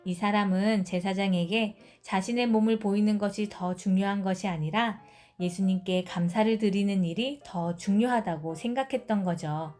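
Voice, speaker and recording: Woman, children's Bible storytelling, gentle questioning delivery, mid pitch, faint music behind. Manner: gentle, addresses listeners with questions.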